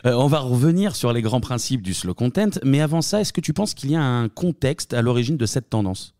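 Lively quick-talking man asking questions. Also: mid-range voice, no room sound, clean studio sound. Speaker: podcast host asking questions. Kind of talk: podcast interview.

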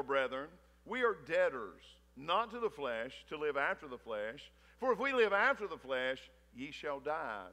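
A man's voice: fairly high pitch, sharp tone. A man in his thirties, a pastor, reading scripture and then preaching a sermon on a church stage with rising energy. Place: large church stage with wood-slat wall. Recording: church hall reverb.

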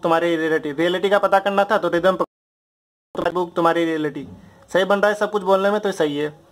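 A young man with a fairly high voice teaches a grammar lesson. He goes step by step, repeats the same example drills again and again, and keeps checking that his listeners follow. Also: a bit bright. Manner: explains patiently, repeating drills and checking understanding. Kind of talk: Hindi grammar lesson at a board.

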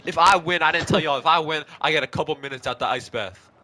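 A young American man giving excited, casual gameplay commentary into a headset, full of slangy trash talk and swearing. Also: fairly high pitch, quick pace. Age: young adult. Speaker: gaming video host and player. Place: small indoor bathroom, sitting in an ice bath. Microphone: gaming headset.

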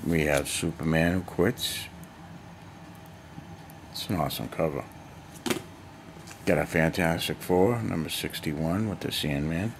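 Older male collector for a casual home vlog: deep, rambling, lists things one after another; noisy handheld camera sound in a basement. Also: a little slow, long pauses. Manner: rambling, chatty, listing items one by one. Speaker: collector showing his hoard. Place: cluttered basement storage room. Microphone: handheld camera mic.

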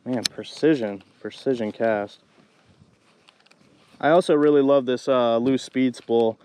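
Recorded on an action camera strapped to his body, a man narrates his kayak fishing trip on a lake in a chatty, first-person way, addressing viewers as "guys" and erupting in excited shouts when he gets bites. His mid-range voice is clear and resonant, a little slow, with no echo.

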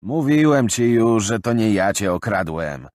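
A man's voice: medium pitch, big pitch swings, normal speed, dry recording, studio quality, pitched above the performer's own voice. A man voicing a traveler who defends himself against an accusation, exasperated. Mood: defensive.

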